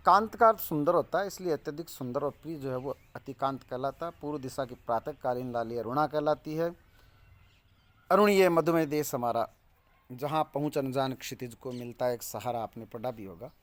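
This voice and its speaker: Emphatic man teaching grammar, higher voice. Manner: explanatory, emphatic, repeats key words. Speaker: exam coaching teacher. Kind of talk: exam answer-key explanation.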